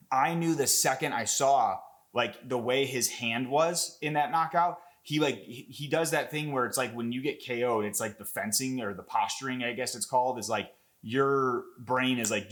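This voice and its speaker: A young man with an ordinary middle-pitched voice talks through a fight replay for his channel. He rambles loosely, piles on fillers and curses, and gets worked up over the action. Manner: excitable, rambling, swears a lot, many fillers. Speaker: MMA content creator. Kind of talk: casual fight breakdown commentary.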